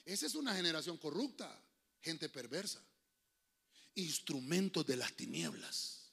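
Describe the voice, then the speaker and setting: A man preaching a sermon as a pastor in a church, shifting from fiery outbursts to quiet asides and speaking to the congregation as brothers. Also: a little high, expressive, measured pace, gravelly, breathy edge. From Honduras.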